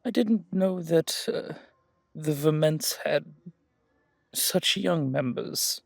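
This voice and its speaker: This roleplay audio drama features a man as a flattering, flirtatious museum curator, genteel and effusive, whose speech includes hesitant pauses and repeated words. His voice is husky, creaky, and fairly high, with no room sound. He seems gracious and welcoming.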